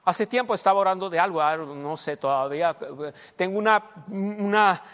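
A man preaching a sermon in a storytelling way, dropping to hushed asides and rising to emphatic exhortation. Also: high-pitched, normal speed, smooth, in a large hall. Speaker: pastor.

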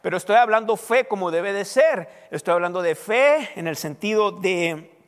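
A male pastor with a high-pitched voice delivers a teaching sermon, throwing questions out to his congregation and waiting for their answers. His voice rings with a long reverb, recorded in a church hall. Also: expressive, normal speed.

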